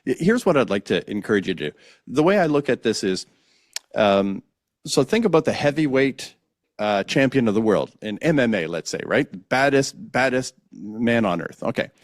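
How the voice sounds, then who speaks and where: A man's voice: mid-range voice, animated, moderate pace, no room sound, clean studio sound. A man explaining de-escalation as a podcast guest, earnestly acting out example dialogues. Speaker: guest, de-escalation trainer for law enforcement. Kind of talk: conversational podcast interview.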